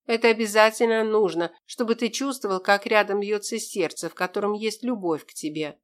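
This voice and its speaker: A woman's voice: medium pitch, fairly quick, lightly acted. A woman reading an audiobook, voicing a tough, pregnant woman soldier who speaks plainly and earnestly.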